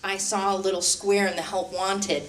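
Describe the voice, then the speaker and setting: A woman's voice: mid-range voice, flat delivery, normal speed. A woman violinist telling stories from her life in a live one-woman stage show, chatty and self-deprecating, with light laughs. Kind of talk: live stage storytelling monologue. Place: stage before a live audience. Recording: roomy hall, mic at a distance.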